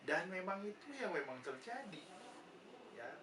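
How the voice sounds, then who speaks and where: With a high, sing-song voice at normal speed, a male nursing lecturer with an Indonesian accent patiently explains psychology in a conversational lecture. He answers his own questions and drops frequent "ya" fillers. A distant mic in a roomy, noisy setting captures him.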